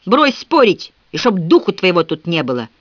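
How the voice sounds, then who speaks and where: A man voicing a wild, rough-spoken teenage country girl who shouts and taunts. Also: high voice, normal speed, dry recording. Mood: taunting. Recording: dull, dry lo-fi recording.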